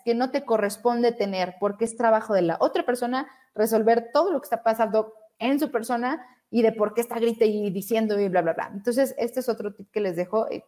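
A woman's voice: a little high, darkish tone. A woman hosting a motivational live stream, encouraging viewers and reading out their comments. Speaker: live stream host and coach.

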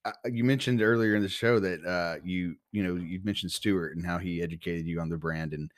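A deep-voiced man in relaxed podcast banter, chiming in with jokes and loose casual swearing. His voice sits dry and close to the mic. He sounds easygoing and unhurried. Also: no room sound. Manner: laid-back, swears casually, chimes in with jokes. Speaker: podcast co-host. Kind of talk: casual chat.

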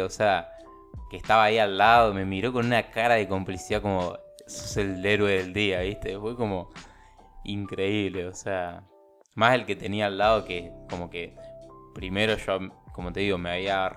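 Man, Buenos Aires accent, very low voice, animated casual storytelling, faint music behind. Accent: Argentine, Buenos Aires. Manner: animated, acts out the dialogue of people in his story. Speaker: podcast host.

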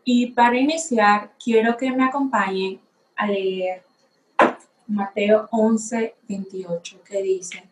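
Slow-talking young woman. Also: mid-range voice, steady tone, roomy sound, a little hiss or hum, rough recording. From Dominican Republic. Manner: unhurried, reflective, a little unsure. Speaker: podcast host. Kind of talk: personal faith testimony. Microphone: facing a camera.

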